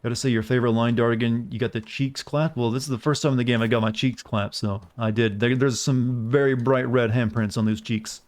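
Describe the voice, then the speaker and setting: A game streamer from the southern US, with an American accent, rambles casually through live gameplay commentary and tosses jokey, self-deprecating asides to viewers. His mid-range voice stays steady and brisk, with few pauses.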